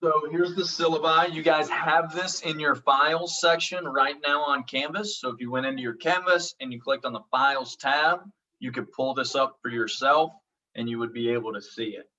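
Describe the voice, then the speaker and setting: Sharp-toned and somewhat high, this Oklahoma-accented instructor in his thirties keeps a moderate pace while casually presenting his online course. He's reassuring, full of ums and "okay?" check-ins, and the video-call audio sounds dull, lo-fi, and far off.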